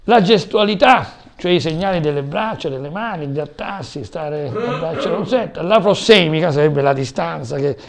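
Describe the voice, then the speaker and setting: A man's voice: a little high, expressive, moderate pace, gravelly, few pauses. A man lecturing a class on communication, explaining term after term with frequent hesitations.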